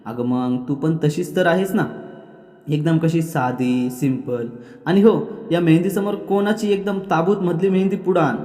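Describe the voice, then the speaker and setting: A man's voice: fairly high pitch, unhurried, dark tone, echoey room, long reverb tail, close to an everyday voice. A man voicing a playful young husband who teases his wife. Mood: teasing. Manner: teasing, playful.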